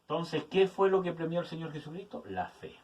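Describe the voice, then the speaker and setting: Lively man teaching a youth Bible study. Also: on the high side, fairly quick. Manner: checks in with listeners with a frequent "¿ya?"; searches for words aloud with "¿cómo se llama?". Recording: voice from some distance to the mic.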